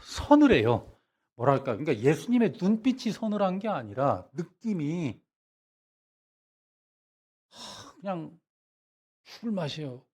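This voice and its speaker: A middle-aged male pastor delivers a revival sermon in a lively storytelling way. He keeps turning to the congregation with questions. He drops into a soft, low voice whenever he acts out a dialogue. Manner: animated storytelling, acting out dialogue in a hushed low voice.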